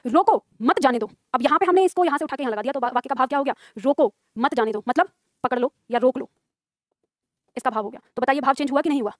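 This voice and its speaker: Woman teacher, lecture, high voice, very fast, dry close sound, repeats dictation lines. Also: no echo. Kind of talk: classroom lecture.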